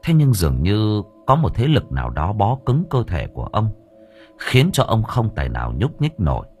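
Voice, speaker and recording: A man narrating a horror story for an audiobook in an expressive, dramatic storytelling voice. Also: lowish voice, moderate pace, faint music behind.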